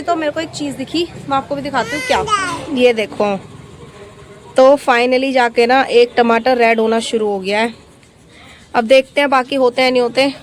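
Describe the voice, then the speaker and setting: A woman's voice: high voice, background noise. Chatty woman vlogging at home. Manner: chatty, talks softly and slowly so a sleeping baby stays asleep. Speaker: vlogger, mother. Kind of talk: casual home vlog. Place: home, indoors and yard.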